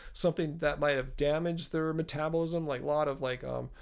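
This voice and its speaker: A man's voice: a little high, fairly even intonation, fairly quick, vocal fry, smooth. A man in his fifties hosting a casual live-stream Q&A, chatty and rambling as he answers viewers' questions. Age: 50s. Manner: chatty, rambling, self-correcting, laughs at own jokes. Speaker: channel host answering live chat.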